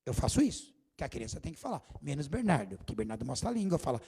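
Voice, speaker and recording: A man preaching a sermon as bishop in a church, lively and theatrical. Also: fairly high pitch, quick pace, creaky, slightly rough. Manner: animated, theatrical preaching with acted quotes.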